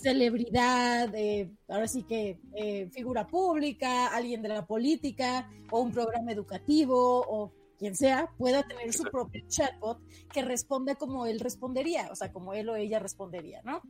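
A woman's voice: a little high, darkish tone, soft background music. A woman, chatting on a panel and laughing often as she tells a tech news item. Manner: laughing, chatty, quick asides. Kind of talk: casual panel chat.

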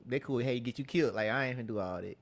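A man hosting a casual talk show, throwing in quick slangy remarks and answers. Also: medium pitch. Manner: slangy, quick back-and-forth. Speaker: host. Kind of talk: casual chat.

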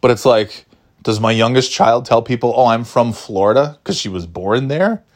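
Talking at a moderate pace in a mid-range voice, this middle-aged podcast host from New York carries his solo show with a rambling, wry, casual style. He keeps cutting himself off and starting over.

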